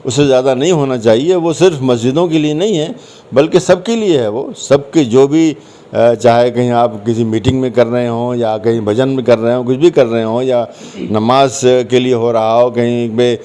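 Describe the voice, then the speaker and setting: A man, an interview guest and commentator, answers questions conversationally, explaining his points and repeating phrases for emphasis. His voice is medium-pitched and mellow, at a moderate pace.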